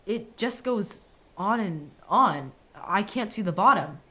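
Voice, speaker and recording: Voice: medium pitch, animated, slow, pushed and bright. A performer playing an eager, reckless young boy in a family drama. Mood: curious. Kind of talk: acted family film dialogue.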